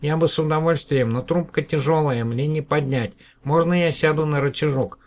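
A man's voice: normal speed, lightly acted. A man voicing a tiny, childlike alien cosmonaut who boasts and speaks earnestly in a raised, piping voice. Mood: polite. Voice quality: high, piping voice. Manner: earnest, declaiming.

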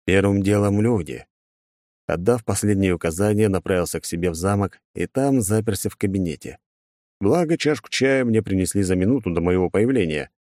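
Low-voiced male audiobook narrator. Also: brisk, darkish tone, dry recording, clean studio sound. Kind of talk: first-person audiobook narration.

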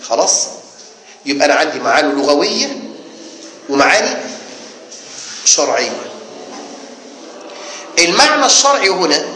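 Male Egyptian sheikh, fairly high voice, asks and answers his own questions, echoey hall with faint hum. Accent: Egyptian Arabic. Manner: lively, asks the class questions and answers them himself. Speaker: sheikh teaching Islamic jurisprudence. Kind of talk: classroom lecture.

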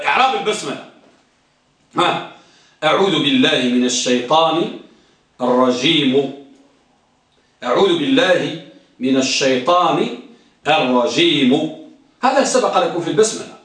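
A high-voiced man teaches a grammar class, quizzing his students and repeating examples slowly. His voice is bright and forceful. He is heard from far off in a very echoey classroom. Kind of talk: Arabic grammar lesson.

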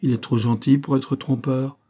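A man voicing a bold, lively little girl who speaks eagerly and pertly. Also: medium pitch, moderate pace, slightly rough, pitched above the performer's own voice, lightly acted.

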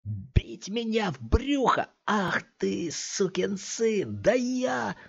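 A man's voice: medium pitch, big pitch swings, a little slow, a little mellow, breathy edge, voice pushed up. A man voicing a young male street thug in a cap, a mocking and menacing bully. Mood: furious. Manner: mocking, snarling, barked threats. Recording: dull lo-fi audiobook recording.

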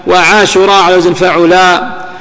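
A male grammar teacher giving a classroom lesson, quizzing his class and repeating key words slowly. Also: sits high, level tone, pushed and bright. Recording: reverberant hall with long echo.

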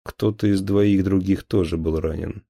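A dutiful police officer who stands up for his men, voiced by a man in an audiobook. He reports in a brisk, matter-of-fact way in a low, dark voice. The read is close and dry. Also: steady tone, no echo. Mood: firm, businesslike.

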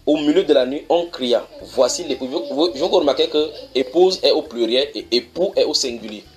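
A man preaching in a church, reading scripture verses slowly and then explaining them, often asking his listeners whether they follow. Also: medium pitch, animated, darkish tone. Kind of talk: sermon teaching.

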